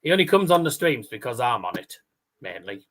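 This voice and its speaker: Man with a stutter and soft R's. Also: medium pitch, sing-song, brisk, a little hiss or hum. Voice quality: cannot pronounce R's, says w for r. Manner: casual, sweary, rambling. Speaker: livestream host. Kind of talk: casual watchalong chat and darts commentary.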